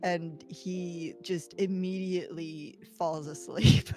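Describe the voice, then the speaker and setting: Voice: mid-range voice, steady tone, slow, darkish tone, soft background music. A co-host on a livestream, talking through ideas with lots of casual fillers. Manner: talkative, explains ideas with many fillers. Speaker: stream co-host. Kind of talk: casual stream chat.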